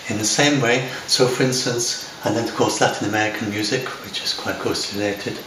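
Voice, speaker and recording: Here an English software developer based in Scotland rambles to camera without a script, hesitating often with fillers and restarts. His voice is on the low side with fairly even intonation and a slightly fast pace. He's recorded by a far camera in a home room beside large windows, and the sound is roomy, distant and noisy.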